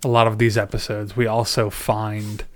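A podcast co-host chats casually about an anime, laughing often. His voice is lowish with little pitch movement, at a normal speed.

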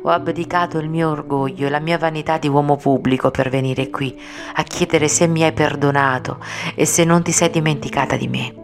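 A woman's voice: sits low, steady tone, fairly quick. A woman reading an ardent young man. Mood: tender, earnest. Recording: music playing clearly behind.

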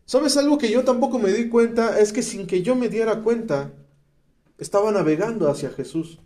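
A man's voice: high voice, moderate pace, warm tone. A man with a Mexican accent giving a slangy, emphatic testimony sermon to people in rehab, reading and explaining scripture. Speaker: speaker at a rehab center. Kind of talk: preaching testimony to addicts.

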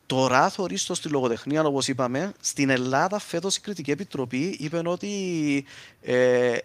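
A man speaks in an informal, explanatory way with a clear Cypriot Greek accent. He moves between dialect and more formal terms as he gives examples. The sound is dry, with very little room in it. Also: mid-range voice, fairly bright tone, no echo. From Cyprus. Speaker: linguist speaker.

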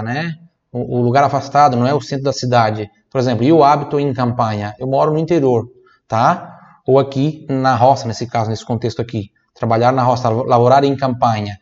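A man from Brazil teaching a language lesson, saying phrases slowly and then explaining them at a quicker pace. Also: mid-range voice, darkish tone, dull audio.

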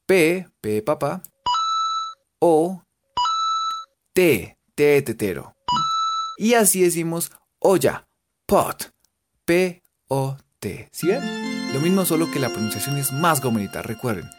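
Colombian Spanish accent, English teacher, playful, spells letter by letter, unhurried delivery, very animated pitch. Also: husky, soft background music. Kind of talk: spelling out vocabulary in a casual lesson.

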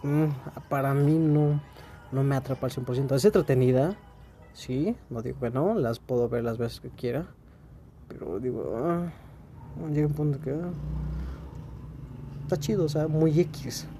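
Laid-back Mexican man, mellow voice. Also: mid-range voice, moderate pace, slight background noise. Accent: Mexican Spanish. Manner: rambling, laid-back, slangy. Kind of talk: casual monologue.

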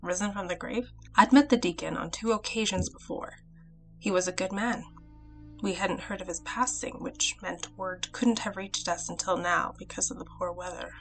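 A woman hosting a podcast and reading her own folktale retelling in a clear, measured way. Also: on the low side, a bit bright, soft background music, rough recording. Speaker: podcast host and storyteller.

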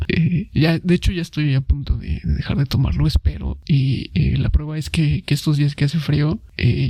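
A man's voice: a little high, a little mellow, slightly rough, no echo. A man hosting a casual solo podcast, rambling, joking and correcting himself as he talks straight to the listener. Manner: addresses listener directly, frequent asides. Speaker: podcast host.

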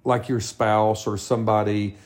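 A man's voice: on the low side, little pitch movement, moderate pace, darkish tone. A man, co-hosting a podcast in casual, rambling chat. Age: 50s. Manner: rambling, restarts sentences often. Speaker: podcast co-host.

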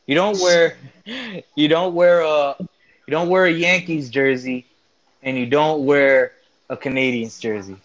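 A man in casual chat who talks haltingly, restarting phrases and filling pauses with "uh". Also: on the high side, muffled recording.

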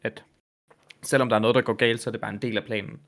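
A man co-hosting a gaming podcast, reading story passages aloud and chatting casually, with fillers and the odd swear word. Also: lowish voice. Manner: reads quotes flatly, chats with fillers and swearing. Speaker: podcast co-host reading game lore aloud. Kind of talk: casual chat and lore reading.

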